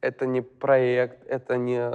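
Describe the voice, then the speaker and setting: A man's voice: medium pitch, monotone, slow pace, darkish tone, smooth, dull audio. A young man chatting casually as a guest musician, slangy and swearing often, with lots of filler words. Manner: slangy, swears often, fills with "типа" and "бро". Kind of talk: casual chat. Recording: long hall reverb.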